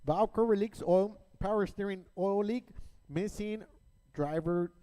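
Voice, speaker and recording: Male auction announcer, soft mellow tone on a high pitch, clipped listings, reverberant hall. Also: unhurried, clean tone. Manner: short, clipped item-by-item statements. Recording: echoey hall with long reverb.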